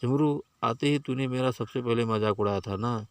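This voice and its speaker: A man's voice: medium pitch, moderate pace, clean tone, dry recording, natural voice. A man voicing a skinny village barber who grows furious and threatens his tormentors. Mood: angry. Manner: angry muttering, threatening. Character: skinny timid village barber turned enraged strongman.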